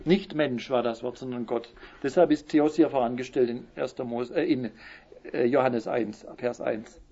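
A man giving a Bible teaching talk, who explains verses and reads the quotes slowly with emphasis. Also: mid-range voice, mellow, breathy edge. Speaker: preacher. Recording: muffled lo-fi recording.

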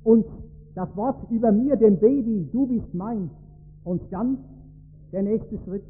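A man with a high, breathy voice delivers a sermon, leaning hard into key words and carrying the listeners through a story. His voice rings out in a long hall reverb, and the recording is thin and phone-like. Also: measured pace. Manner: emphatic, storytelling preacher. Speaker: preacher.

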